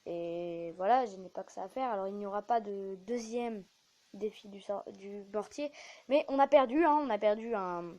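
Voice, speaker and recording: A woman's voice: mid-range voice, moderate pace, a little mellow. A woman giving casual, rambling gameplay commentary as a YouTuber, chatty and self-mocking. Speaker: gaming YouTuber.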